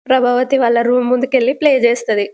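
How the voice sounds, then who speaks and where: Woman storyteller, chatty and brisk recap delivery, high-pitched. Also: level tone, a little mellow. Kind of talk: casual retelling narration.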